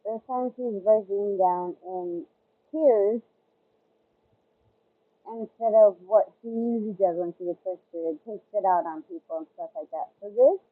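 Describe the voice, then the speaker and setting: A woman's voice: medium pitch, measured pace, no room sound. A woman giving casual live commentary through a Bluetooth earbud, sounding muffled, as if underwater. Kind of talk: casual commentary on another streamer.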